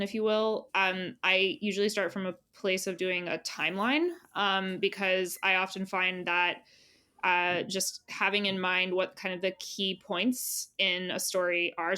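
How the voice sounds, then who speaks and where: A woman being interviewed as a magazine editor speaks in a medium-pitched, sharp yet smooth voice. Her style is casual and conversational, and she thinks aloud, often dropping "you know" and "like."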